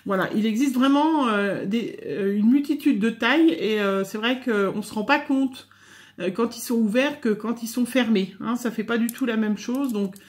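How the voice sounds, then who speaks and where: A middle-aged woman explaining a craft tool in a casual tutorial chat, pausing often with fillers. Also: on the high side. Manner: hesitant, many fillers. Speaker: scrapbooking vlogger.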